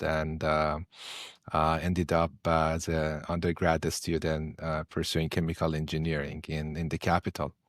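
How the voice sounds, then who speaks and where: Low-voiced man from Iran, hesitant. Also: dry recording, studio quality. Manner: hesitant, many fillers. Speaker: podcast guest, investor and professor. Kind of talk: interview answers.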